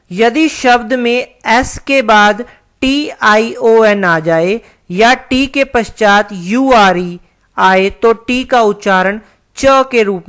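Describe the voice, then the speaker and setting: A woman teaches an online English lesson at a very slow, deliberate pace. Her voice sits at an ordinary middle pitch. She explains patiently and spells words out letter by letter. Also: smooth.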